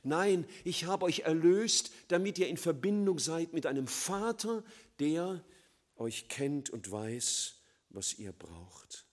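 A man preaching a sermon, swinging between loud emphatic lines and quiet, low, slow passages. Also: lively intonation.

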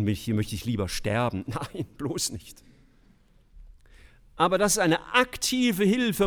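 A middle-aged man preaching a sermon in a lively, emphatic way, with humorous asides. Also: fairly low pitch.

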